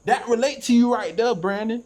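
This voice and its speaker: A man's voice: very high voice, a little fast, over a noisy crowd. A man, talking about faith in a casual podcast chat, emphatic and preachy, repeating phrases for weight. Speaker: podcast host.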